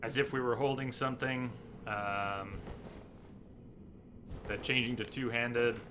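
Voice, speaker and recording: A man giving casual live gameplay commentary as a streamer, haltingly thinking aloud. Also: mid-range voice, steady tone. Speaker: video game streamer. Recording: noisy, game sound behind voice.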